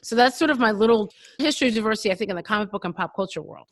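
A woman talking casually about comics and pop culture, acting out quoted reactions in a quick, chatty way. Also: medium pitch, animated, no room sound. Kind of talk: casual conversation.

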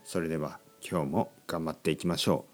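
A man hosting a language podcast, speaking slow, simple Japanese for learners and repeating key words again and again to encourage them. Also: extremely low pitch, fairly even intonation, a little mellow, soft background music. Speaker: podcast host teaching Japanese.

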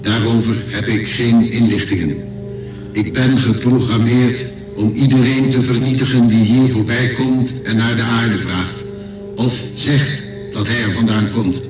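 An actor in a radio drama playing a programmed robot guardian of an imperial library, speaking formally. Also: male voice, mid-range voice, steady tone, a little slow, close to an everyday voice. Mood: impassive. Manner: formal, impassive, matter-of-fact. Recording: echoey radio drama with music bed.

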